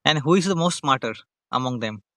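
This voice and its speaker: An Indian man with an Indian English accent hosts a friendly, teasing English practice chat over a video call, repeating his questions as he goes. His mid-range voice is expressive and sharp-toned, moving a little fast. The recording is dry and studio quality.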